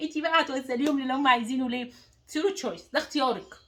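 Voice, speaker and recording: A woman's voice: high-pitched, quick pace, a little hiss or hum. A woman life coach with an Egyptian accent giving an emphatic motivational talk to the viewer, repeating words and phrases for stress. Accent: Egyptian Arabic.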